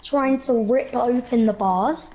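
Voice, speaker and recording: A woman telling a story casually on a stream, halting and restarting with fillers. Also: fairly high pitch, warm tone, highs cut off.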